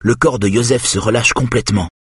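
A man reading a thriller as an audiobook narrator in a steady, measured way. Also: mid-range voice, slightly rough, no echo, studio quality.

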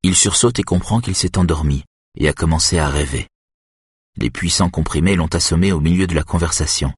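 A man doing measured, scripted audiobook narration of a thriller. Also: low voice, husky, no room sound, clean studio sound.

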